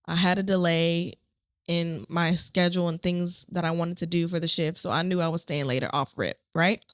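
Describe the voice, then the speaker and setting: Low-voiced woman telling a nurse story. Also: normal speed, dry recording, clean studio sound. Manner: animated storytelling, acts out quotes. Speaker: nurse podcast host. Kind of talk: storytelling podcast monologue.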